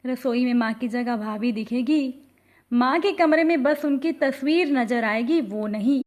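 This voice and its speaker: A woman narrating an emotional family story in a slow, feeling reading style. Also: on the high side.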